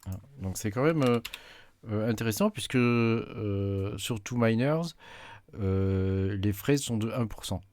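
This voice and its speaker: A man's voice: fairly low pitch, slow pace, a little mellow. A man giving a casual screen-recorded tutorial, hesitant with many fillers as he clicks through menus at his desk mic. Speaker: tech YouTuber.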